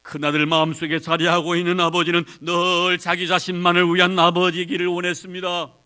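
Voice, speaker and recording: A man preaching a sermon as pastor, retelling a story dramatically with big swings between quiet and loud. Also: high voice, monotone, brisk, smooth.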